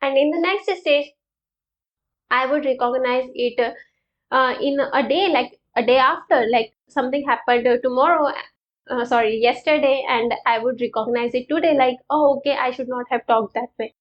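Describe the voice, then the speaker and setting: A woman's voice: high voice, moderate pace, highs cut off. A young woman vlogger talking casually to camera, telling a personal story with many ums and uhs. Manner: chatty, storytelling, frequent um and uh. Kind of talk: casual reflective talk to camera.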